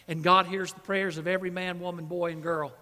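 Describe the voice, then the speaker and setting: A man preaching a sermon in a church, building to emphatic peaks on his lists and dropping soft for his appeals. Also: sits high, little pitch movement, fairly quick, big-room sound. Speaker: pastor.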